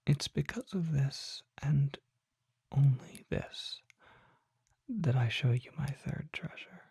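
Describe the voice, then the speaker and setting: In a soft, breathy ASMR whisper, a performer gives full character voice to a refined, mysterious vampire shopkeeper, speaking formally and pausing deliberately. The voice sits mid-range, the recording is dry and close-miked, and the mood is one of hushed mystery.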